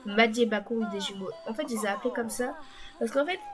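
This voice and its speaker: A woman's voice: on the high side, quick pace, a crowd in the background. Chatty woman narrating her gameplay. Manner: chatty, rambling, wry asides. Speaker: gaming YouTuber. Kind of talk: casual let's-play commentary.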